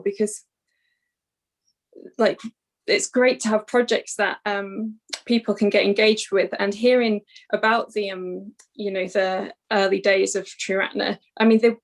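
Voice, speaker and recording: Woman panelist, gravelly voice, flat pitch, rambling with fillers. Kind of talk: panel discussion.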